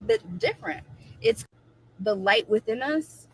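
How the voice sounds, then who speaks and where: A woman's voice: fairly high pitch, very animated, measured pace, heavy background noise. A woman in her forties chatting casually on a livestream, emphatic and repeating her points for effect. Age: 40s. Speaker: co-host of a livestream.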